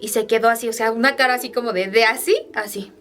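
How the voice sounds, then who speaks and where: A woman's voice: on the high side, quick pace, a bit bright, a little hiss or hum. Chatty young woman vlogger. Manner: chatty, with frequent fillers and asides to viewers. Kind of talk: personal storytelling to camera.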